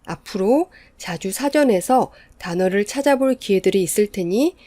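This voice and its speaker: Measured woman teaching in a dry, mellow voice. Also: medium pitch, lively intonation, no room sound. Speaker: English teacher. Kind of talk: scripted lecture narration.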